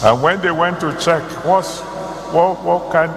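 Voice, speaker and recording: Slow Nigerian male preacher in a reverberant hall. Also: on the high side, fairly even intonation. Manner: deliberate phrasing with emphatic repetition. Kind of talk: sermon to a congregation. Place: large hall, church service. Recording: echoey hall, loud background noise.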